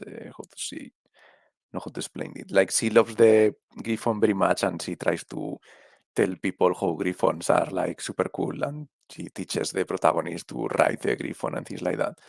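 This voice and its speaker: Low gravelly man with a Spanish accent. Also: dry recording. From Spain. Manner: rambling, casual, swears, trails off while thinking. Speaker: video creator ranking game characters. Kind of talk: casual tier-list commentary.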